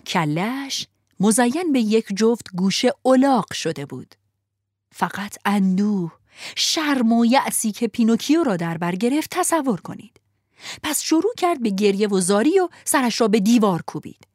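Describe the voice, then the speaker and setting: A woman telling a children's story with a lively, animated delivery. Her voice sits a little high and swings widely in pitch. The recording is dry and close. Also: no echo. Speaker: narrator. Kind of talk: scripted storybook narration.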